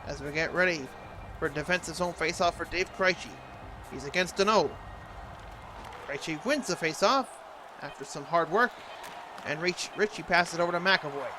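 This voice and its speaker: A man's voice: on the high side, moderate pace, long pauses, noisy background, close to an everyday voice. A man doing an impression of an earnest TV hockey play-by-play announcer, calling a video game in clipped present-tense phrases. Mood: focused.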